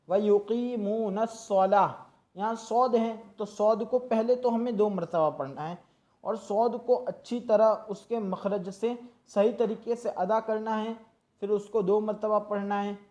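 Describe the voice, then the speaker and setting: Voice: medium pitch, steady tone, measured pace, warm tone. A Quran reading teacher giving a tajweed lesson, patiently explaining and drawing out syllables to demonstrate correct recitation.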